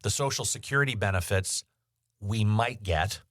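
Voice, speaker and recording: A man's voice: fairly low pitch, normal speed, fairly bright tone, no room sound, clean studio sound. A man co-hosting a financial podcast, talking candidly in casual chat with jokey asides. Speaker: podcast co-host.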